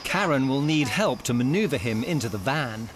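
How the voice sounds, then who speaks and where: A man's voice: medium pitch, animated, moderate pace, background noise. A man reading scripted narration as the narrator of a documentary. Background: loud background music.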